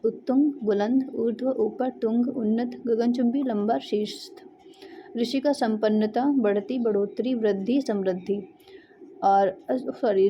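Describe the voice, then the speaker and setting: A woman's voice: on the high side, dark tone, highs cut off, a little hiss or hum. A woman teaching exam vocabulary, reading through synonym lists and checking in with her students as she goes. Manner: runs through word lists, with frequent "theek hai" checks.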